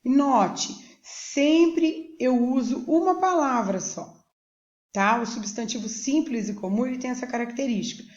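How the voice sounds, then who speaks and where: Slow, patient Brazilian woman teacher. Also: on the high side, a little mellow. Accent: Brazilian Portuguese. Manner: slow, patient, checks in with "tá joia?". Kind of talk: recorded remote school lesson. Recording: echoey room, dull lo-fi sound.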